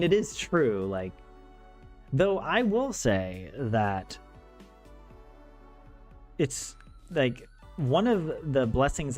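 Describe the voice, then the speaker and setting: This young man from the United States streams live, teaching Finnish and casually discussing life overseas with frequent jokes, laughter, fillers and restarts. His voice sits in the mid-range and is a little mellow, with faint game music behind him.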